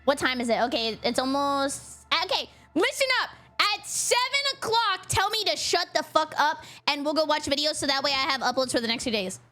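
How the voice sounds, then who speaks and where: A woman streamer chatting casually with her viewers, giggly and excitable, laughing often and thanking donors. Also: high voice, a little fast, hardly any pauses, soft background music. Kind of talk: casual live-stream chat.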